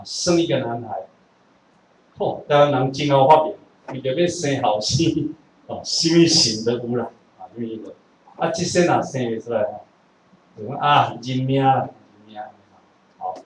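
A man's voice: mid-range voice, slight background noise. Taiwanese man lecturing, echoey from afar. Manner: animated, rhetorical questions, chatty asides. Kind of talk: classroom lecture with humorous asides. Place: lecture room. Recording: echoey room from a distance.

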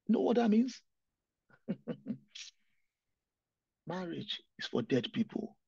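A man's voice: on the high side, very animated, takes it slowly, creaky, a little mellow, husky, no room sound, highs cut off. A young man preaching a sermon as a pastor, earnest and pleading with his listeners.

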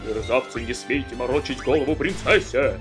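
An actor playing a loud, blustering middle-aged knight captain in an animated film dub, with music playing under him. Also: male voice, mid-range voice, unhurried, natural voice. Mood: furious. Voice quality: blustering, shouting.

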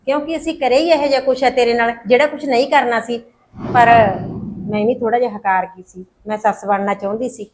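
A woman's voice: fairly high pitch, fairly even intonation, fairly quick, close to an everyday voice. A woman playing a remorseful mother-in-law. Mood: apologetic. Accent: Punjabi. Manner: apologetic, pleading. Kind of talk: Punjabi short film acting.

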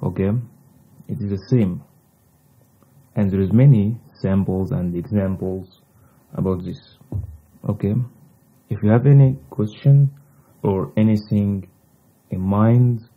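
A man whose native language is Arabic, teaching a language lesson in deliberate, halting short phrases on a slightly dull recording. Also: on the low side. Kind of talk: slow instructional language lesson.

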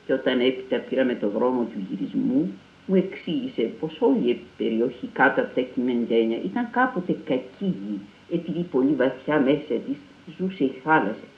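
A man calmly reading a first-person literary passage. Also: mid-range voice. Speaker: reader. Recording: tinny phone-like and echoey.

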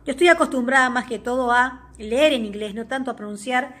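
A woman hosting a tutorial, walking viewers step by step through a language-learning app and pausing often to check they follow. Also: high voice, a bit bright. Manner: reads English words aloud for the viewer. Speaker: tutorial host.

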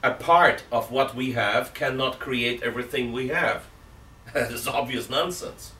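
Middle-aged priest reasoning aloud, roomy sound. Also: male voice, mid-range voice, a little slow, bright, forceful tone. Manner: reasoning aloud, emphatic rhetorical questions; gestures with both hands while talking. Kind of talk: seated catechism talk. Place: indoor room with armchair. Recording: roomy, distant from mic, faint hiss.

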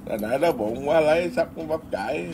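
Teasing monk, noisy. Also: male voice, a little high, animated, fast talker. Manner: teasing, laughs often. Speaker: Buddhist monk. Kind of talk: casual chat. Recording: noisy background.

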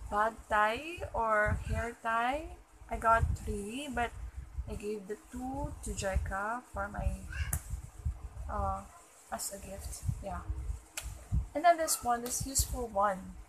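A young woman with a Filipino accent and a fairly high voice shows off her shopping in a casual haul vlog. She talks slowly, in short bits. Clear background noise sits behind her in a home recording. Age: young adult. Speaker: vlogger showing shopping haul. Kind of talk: casual haul video chat. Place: small room at home.

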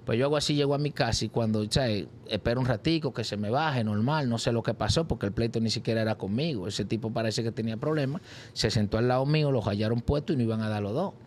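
A man tells his story as an interview guest. He slips into the voices of the people in it, now and then with sudden high cries. Faint background noise sits under his voice. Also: quick pace. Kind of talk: animated personal testimony.

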